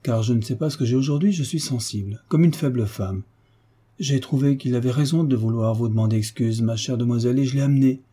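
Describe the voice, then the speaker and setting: A man's voice: mid-range voice, fairly quick, warm tone, slightly rough, lightly acted. A man voicing a fussy, talkative middle-aged male landlord who speaks emphatically, in a folksy way, for an audiobook. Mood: chatty.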